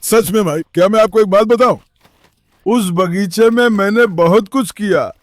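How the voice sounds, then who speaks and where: High-voiced man coaxing his dogs. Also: normal speed. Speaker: vlogger with dogs. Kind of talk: casual vlog talk.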